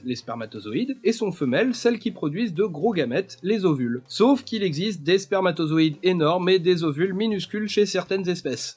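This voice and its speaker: A man narrating a scripted educational video in a steady explanatory way, sometimes posing rhetorical questions. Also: high voice, husky.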